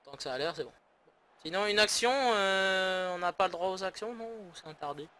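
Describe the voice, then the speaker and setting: A man's voice: high voice, animated, normal speed, bright, forceful tone. A man from France giving sarcastic, grumbling commentary while playing a football management game. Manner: sarcastic, grumbling, swears often. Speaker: gaming YouTuber. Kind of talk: casual let's-play commentary.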